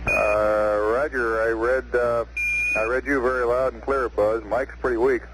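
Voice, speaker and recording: A man's voice: mid-range voice, little pitch movement, a little slow. Man on noisy space mission radio. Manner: clipped, procedural phrasing. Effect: radio transmission. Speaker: mission control radio communicator. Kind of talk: radio check-ins and procedural calls.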